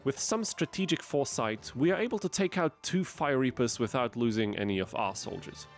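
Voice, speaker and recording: Male game-channel narrator, mid-pitched, deadpan wry commentary over faint music. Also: fairly quick. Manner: wry, dry asides. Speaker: gaming video narrator. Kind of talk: scripted gameplay commentary.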